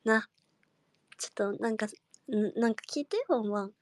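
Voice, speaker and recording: A young woman chatting casually with fans on a livestream, giggling and dropping into soft murmurs and whispers. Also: fairly high pitch, expressive, normal speed, no room sound, clean studio sound. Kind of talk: casual chat.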